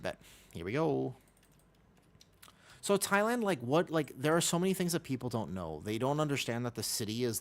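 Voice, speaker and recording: A man from Texas livestreaming a game, chatting casually and excitably in slangy speech and often repeating himself. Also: fairly low pitch. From Texas, United States. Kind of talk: casual chat and gameplay commentary.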